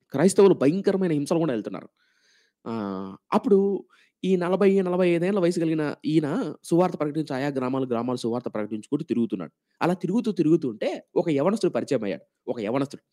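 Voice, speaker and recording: Fast-talking Telugu man preaching. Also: on the high side. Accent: Telugu, Rayalaseema. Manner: animated, acts out quoted voices, asks the congregation questions. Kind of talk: storytelling sermon.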